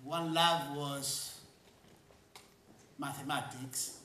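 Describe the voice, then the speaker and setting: A man in his sixties from Argentina, an engineering school dean giving a conference keynote on a large stage, measured and emphatic, stretching key words. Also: a little high, steady tone, bright, forceful tone, slight background noise. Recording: roomy hall sound from a distance.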